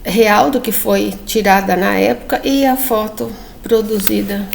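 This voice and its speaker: A woman reviewing a comic book presents it to her viewers in a casual, chatty way, reading excerpts aloud and addressing them directly with frequent tag questions to check in. Her mid-range voice is steady and measured, with vocal fry. Slight background noise is audible.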